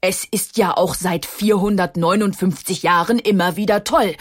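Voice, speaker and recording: A woman voicing a big, heavy male stone with a gruff, grumbling but friendly manner in a children's story. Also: medium pitch, steady tone, moderate pace, close to an everyday voice.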